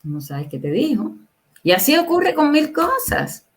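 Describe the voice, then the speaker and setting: A woman's voice: high-pitched, huge pitch swings, unhurried. A woman in her sixties, a guest on a livestream interview, talking in a casual, opinionated way and asking her listeners rhetorical questions. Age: 60s. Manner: emphatic, asks the audience rhetorical questions.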